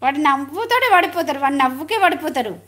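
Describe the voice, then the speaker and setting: Chatty high-voiced woman. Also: expressive, quick pace, fairly bright tone. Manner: chatty, laughs often, greets viewers. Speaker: live streamer. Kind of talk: casual chat on a live stream.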